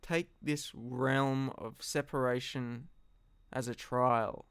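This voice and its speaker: A man giving an earnest, reflective philosophical monologue, speaking deliberately in short phrases with long pauses. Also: medium pitch, fairly even intonation, fairly bright tone, smooth, dry recording. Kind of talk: solo reflective monologue, slow spoken address.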